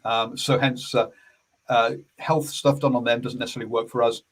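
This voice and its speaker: A man's voice: mid-range voice, flat delivery, normal speed, slight background noise, low-quality recording. A man hosting a casual rugby radio chat, hesitant with many fillers and restarts. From New Zealand. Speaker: sports radio host.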